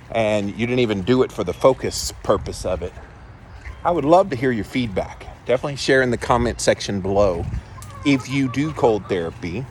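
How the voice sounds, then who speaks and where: A man's voice: fairly low pitch, slight background noise. A man talking casually and emphatically to his viewers in a vlog, recorded on a handheld phone outdoors. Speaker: vlog host. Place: backyard, outdoors.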